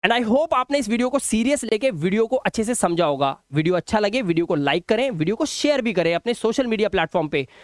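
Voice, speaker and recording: A man teaching a spoken English lesson, slowly drawing out each example sentence. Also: high voice, animated, no echo, clean studio sound. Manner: slow, drawn-out repetition of example sentences.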